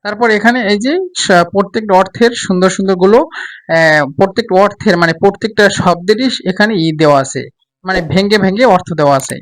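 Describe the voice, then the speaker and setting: A man teaching a spoken language lesson, repeating each phrase slowly and explaining it with filler sounds. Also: high-pitched, far from the mic. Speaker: Arabic teacher.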